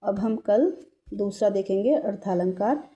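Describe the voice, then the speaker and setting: Teacher with a mellow voice. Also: female voice, mid-range voice. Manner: asks the class questions and answers them herself; reads verse lines slowly and deliberately. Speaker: Hindi teacher. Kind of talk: classroom lesson explaining grammar.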